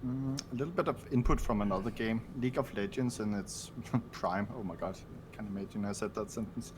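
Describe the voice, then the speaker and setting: A man's voice: lowish voice, fairly quick, noisy background. A man on a podcast, making wry remarks and laughing at himself in casual chat. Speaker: podcast guest.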